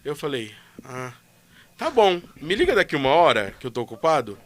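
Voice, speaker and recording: Paulistano man, bright and slightly high voice, animated storyteller who acts out the dialogue. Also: moderate pace. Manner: playful, jokey, acts out dialogue. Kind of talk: animated storytelling in casual chat.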